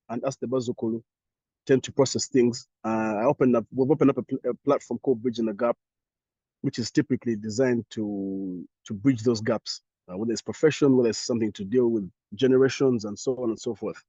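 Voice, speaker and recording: A young Ugandan man, speaking English in his native accent, answers thoughtfully as a panelist in an online discussion, pausing and restarting often. His mid-range voice is warm with a breathy edge, and the recording is dry and dull.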